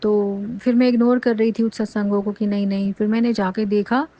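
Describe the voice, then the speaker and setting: A woman's voice: mid-range voice, flat delivery, brisk, warm tone. A middle-aged woman giving an earnest, rambling devotional testimony. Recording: dull lo-fi recording.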